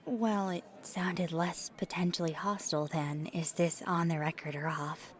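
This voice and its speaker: In an ASMR audio roleplay, a woman with a lowish voice plays a nervous, earnest paranormal investigator. She speaks softly and haltingly, with thoughtful, breathy hesitations and a careful, earnest mood.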